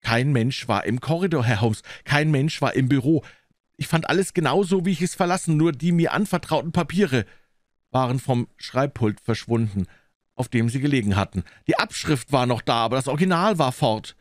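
Lively man reading a story. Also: mid-range voice, normal speed, dry recording, clean studio sound. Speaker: audiobook reader. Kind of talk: first-person story narration.

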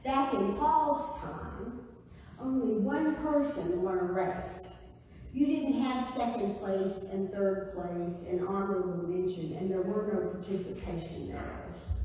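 A woman's voice: mid-range voice, slight background noise. Female pastor, 60s, chatty sermon delivery, recorded from afar in a reverberant sanctuary. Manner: conversational, animated, gestures while preaching. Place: church sanctuary, indoors. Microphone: far camera. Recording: echoey sanctuary from far off.

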